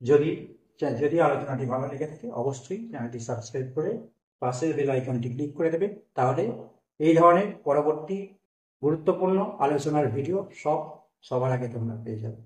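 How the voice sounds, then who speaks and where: A man's voice: on the high side, fairly quick, a little mellow. A male teacher explains a grammar lesson step by step, asking questions and answering them himself. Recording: echoey room, mic at a distance.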